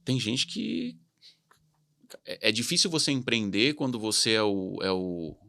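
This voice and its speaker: A man's voice: on the low side, big pitch swings, unhurried, gravelly, bright, forceful tone, no room sound. A Brazilian businessman in his thirties, speaking with a Brazilian Portuguese accent, telling candid stories full of quoted dialogue in a casual interview. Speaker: company CEO, podcast guest.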